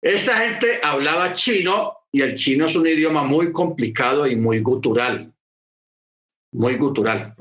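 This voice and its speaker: A man's voice: fairly high pitch, expressive, measured pace, a bit bright, dull audio. Spanish-speaking man preaching in an echoey room. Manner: explanatory, repeats phrases for emphasis. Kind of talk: sermon teaching.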